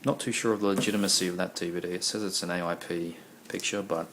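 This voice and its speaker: Low-pitched, steady and fast, a man talks through his video collection in a rambling, casual way full of ums and uhs. His voice is failing, and the recording, made at home, is noisy.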